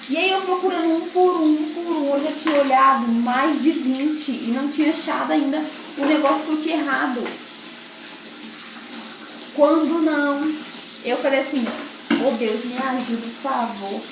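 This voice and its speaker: A young Brazilian woman chatting casually to viewers while she washes dishes, rambling in a lively storytelling way. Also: high voice, normal speed, noisy background. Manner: chatty and rambling, addresses viewers as "gente" and "menina". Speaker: vlogger. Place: home kitchen while washing dishes. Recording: echoey kitchen, clattering dishes and sizzling. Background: dishes clinking and frying.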